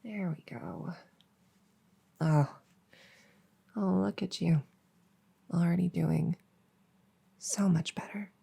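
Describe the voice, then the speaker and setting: Woman as a breathy, soft-spoken elf girl, ASMR role-play. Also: on the low side, slow, long pauses, exaggerated voice. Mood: hesitant, encouraging. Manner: hesitant, rambling, gently soothing. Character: nerdy, friendly, awkward young female elf cleaning ears.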